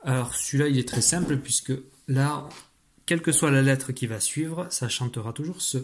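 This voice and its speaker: A man's voice: medium pitch, moderate pace, a little hiss or hum. A primary school teacher, a man, leading a patient spelling dictation lesson and talking directly to the pupil. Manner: patient, explains step by step, addresses the pupil directly.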